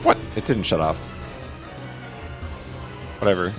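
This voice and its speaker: A man's voice: deep voice, expressive, slow, music in the background. A man casually chatting with his viewers and answering their questions while he plays a game on a live stream. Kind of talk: live gameplay stream commentary.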